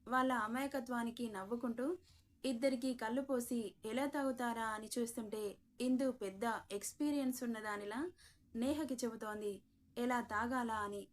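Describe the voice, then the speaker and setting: A woman narrating a story, lively and chatty, speaking to her listeners. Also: on the high side, normal speed, slight background noise.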